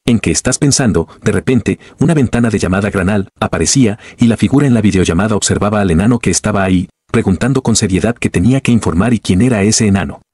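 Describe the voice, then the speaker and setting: A man narrating a story in a steady, dramatic reading style. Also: lowish voice, fast, few pauses, slightly rough, dry recording, studio quality.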